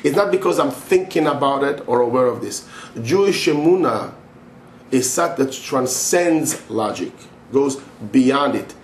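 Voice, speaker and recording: A man's voice: mid-range voice, expressive, measured pace. Emphatic middle-aged man, echoey room. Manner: emphatic, repeats himself, rising and insistent. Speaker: religious teacher answering a question. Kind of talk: impassioned monologue to camera. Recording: echoey room with faint noise.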